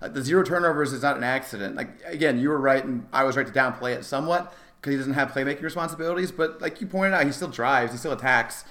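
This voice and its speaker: A man with a medium-pitched, bright, forceful voice co-hosts a casual sports podcast. He speaks enthusiastically and emphatically and is quick to laugh.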